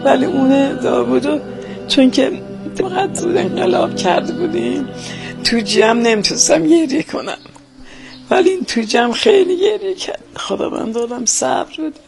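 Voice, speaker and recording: An older woman, mother of fallen soldiers, recalling her loss in halting, tearful speech. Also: high voice, lively intonation, gravelly, over music. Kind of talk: emotional interview recollection.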